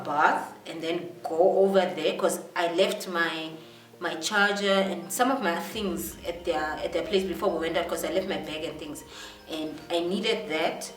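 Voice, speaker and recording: Young namibian woman rambling through a storytime vlog, echoey room, quiet music behind. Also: sits low. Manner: chatty, animated, with many fillers and restarts. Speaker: vlogger. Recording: roomy, distant mic, faint music.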